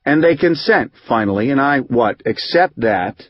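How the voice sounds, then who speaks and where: A man reading an audiobook, voicing a rough, hot-tempered recovering drinker who rambles in profane street slang. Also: mid-range voice, expressive, normal speed, no room sound, highs cut off, close to an everyday voice. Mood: aggrieved. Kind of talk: audiobook narration.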